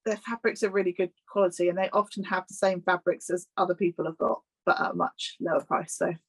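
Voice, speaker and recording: Relaxed woman guest, hesitant talker. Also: on the low side, fast talker, slightly rough, poor audio. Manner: relaxed, hesitant, frequent ums and laughs. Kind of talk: casual interview chat.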